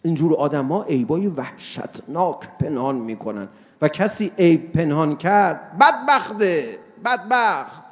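A man giving a sermon to an audience, animated, acting out little dialogues with mocking humor. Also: a little high. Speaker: religious lecturer.

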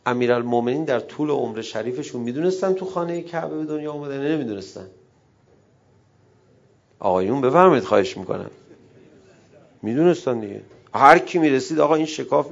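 A middle-aged man preaching a sermon, emotive, dropping to a hush and rising loud as he acts out quoted dialogue. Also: mid-range voice, gravelly, highs cut off. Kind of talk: religious sermon.

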